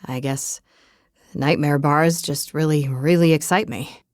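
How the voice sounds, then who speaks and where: A woman voicing a charming, smitten young man in a romance audiobook, with a lowered, soft voice. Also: fairly even intonation, a little slow, no echo, studio quality. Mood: soft teasing.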